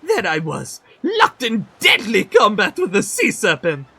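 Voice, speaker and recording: A man's voice: high voice, huge pitch swings, unhurried, creaky, bright, forceful tone, slightly rough, pitched above the performer's own voice, full character voice. A man doing a pompous boastful adventurer. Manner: grandiose and theatrical.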